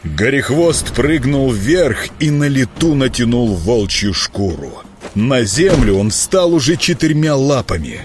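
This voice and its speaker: A man reading a fantasy audiobook, storytelling with lively delivery. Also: mid-range voice, measured pace, slight background noise. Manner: lively storytelling, voicing characters. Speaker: narrator. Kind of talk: audiobook narration.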